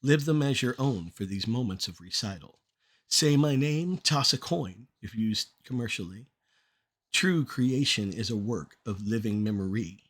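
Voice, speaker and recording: Performing rhymed spoken-word poetry in short phrases, a middle-aged man keeps his delivery measured and deliberate. His voice sits on the low side and sounds animated.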